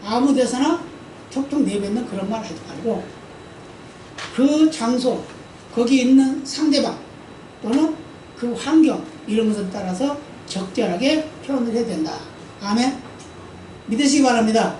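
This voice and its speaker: A woman's voice: on the high side, lively intonation, normal speed, pauses often, warm tone, distant mic, slight background noise. Woman pastor preaching in a roomy church. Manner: conversational, often asks the congregation for an amen; acts out quoted speech in stories. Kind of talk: sermon. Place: church sanctuary during service. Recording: roomy church hall, voice from afar.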